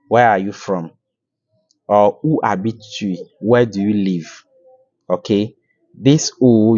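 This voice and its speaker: Low-voiced man teaching French casually. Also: darkish tone, dull audio. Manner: explains with many fillers and repeats. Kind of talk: casual video lesson.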